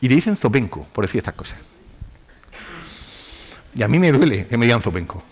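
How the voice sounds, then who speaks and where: A man giving a public science lecture in an animated, ironic way, acting out quotes in mock voices. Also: medium pitch, a little fast. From Spain. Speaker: university lecturer. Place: lecture hall with audience.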